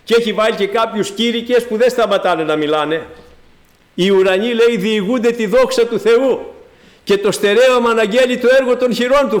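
A man delivers a sermon in a fairly high voice. He preaches emphatically, climbing to loud exclamations and then sinking low to address his listeners. He mixes in dry, ironic, mocking asides.

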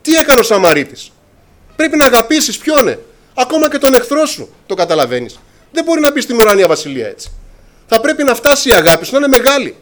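Male preacher, sermon, high-pitched, very lively intonation, impassioned, acts out scripture scenes. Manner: impassioned, addresses congregation as brothers, acts out dialogue.

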